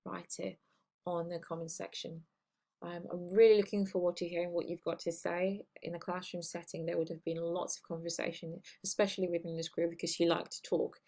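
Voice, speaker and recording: A woman's voice: on the low side, creaky, warm tone. A woman teaching a recorded lesson, explaining points to her students in an encouraging way.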